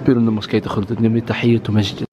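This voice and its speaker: A man's voice: lowish voice, flat delivery, racing. A man vlogging casually in slang mixed with Arabic and English, bossy and bantering. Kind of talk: casual vlog chat. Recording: noisy handheld vlog audio.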